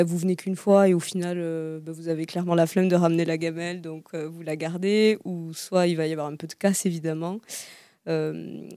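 A woman's voice: fairly low pitch, warm tone, no room sound, studio quality. Hesitant French woman explaining her business. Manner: hesitant, many fillers and restarts. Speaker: guest, founder of a zero-waste tart shop. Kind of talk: interview answers, casual.

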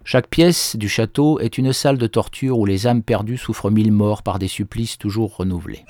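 Male storyteller, measured folk-tale narration, mid pitch, dry. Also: a little mellow, no echo.

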